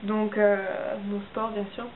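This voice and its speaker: A woman's voice: mid-range voice, completely flat delivery, measured pace. Chatty young French woman, tinny audio. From France. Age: young adult. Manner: hesitant, many fillers and restarts. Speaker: au pair. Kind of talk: casual monthly update vlog. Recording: tinny phone-like audio with faint hiss.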